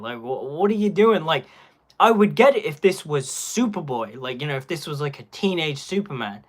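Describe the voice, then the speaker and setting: A young man giving casual live-stream commentary on a phone, rambling and packing his talk with filler words. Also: mid-range voice.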